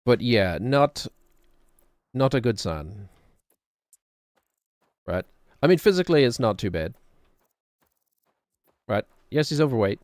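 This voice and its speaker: A man's voice: medium pitch, big pitch swings, slow pace, pauses often, a little mellow, no echo. A middle-aged man giving casual, rambling game commentary in a wry, musing manner, often talking to himself. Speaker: gaming streamer.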